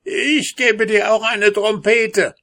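A man voicing a small, sly male dwarf who begs in a high wailing voice in a storybook reading. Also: steady tone, takes it slowly, pushed and bright, no room sound, exaggerated voice. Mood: pleading.

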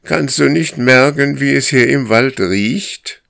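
A man voicing a male elk who calls out urgently and mournfully, his voice pushed up high and loud. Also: fairly even intonation, slow pace. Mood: urgent calling. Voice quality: roaring. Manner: loud calling, raised pitch.

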